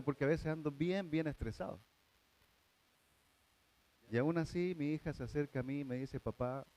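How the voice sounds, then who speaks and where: A male pastor preaching a sermon, earnest, dropping to hushed tones and rising to impassioned appeals. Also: fairly high pitch.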